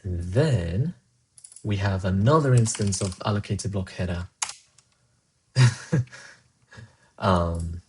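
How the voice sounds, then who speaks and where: Streaming his coding live, this man from Colombia, whose first language is Spanish, muses aloud and responds to chat in between tasks. He has a low-pitched voice and talks slowly with long pauses. A little background noise can be heard.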